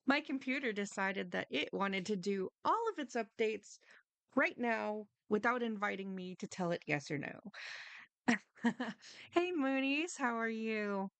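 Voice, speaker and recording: A woman with a creaky edge to her voice chats casually to viewers as a game streamer. She rambles slowly, friendly and apologetic, a bit flustered. The sound is close and dry, slightly muffled. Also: on the high side, animated, a bit bright, no echo. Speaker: live game streamer, host. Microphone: microphone a few inches away.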